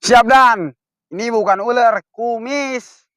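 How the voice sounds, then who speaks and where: A man plays a cheeky, hapless recruit in a comedy sketch. His voice is extremely high and bright, with a Betawi Indonesian accent and a dry sound. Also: fairly quick, no room sound. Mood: obedient. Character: cheeky hapless male village guard recruit.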